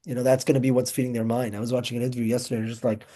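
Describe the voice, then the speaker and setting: Fast, husky-voiced man teaching Torah. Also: medium pitch. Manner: emphatic, excitable, rambling. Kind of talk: informal Torah class.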